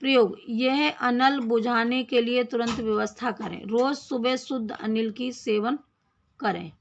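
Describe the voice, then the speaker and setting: A woman teaching a grammar lesson, explaining slowly, repeating phrases and asking questions of her class. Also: on the high side, dull audio, slight background noise.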